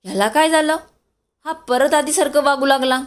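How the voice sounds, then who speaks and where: A cheerful, teasing elder brother in an audio story, as a woman narrator puts him on. The voice sits a little high and stays light and friendly. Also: normal speed, lightly acted. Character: elder brother, a jovial grown man.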